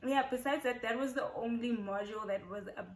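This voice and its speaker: A woman's voice: on the high side, a little fast. A young South African woman in her twenties, chatting casually to her channel and repeating points for emphasis. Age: 20s. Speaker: YouTuber. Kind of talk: casual get-to-know-me chat. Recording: echoey room.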